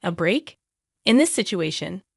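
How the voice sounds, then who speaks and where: A woman voicing a harsh, scolding older mother-in-law in a narrated story, belittling and sharp. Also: on the low side, sing-song, a little slow, creaky, husky, no room sound, clean studio sound, heavily acted.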